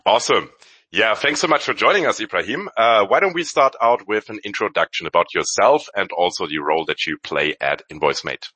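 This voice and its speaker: A man hosting a casual online audio chat, relaxed and friendly, talking with some fillers. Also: lowish voice, brisk, breathy edge, no room sound. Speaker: host.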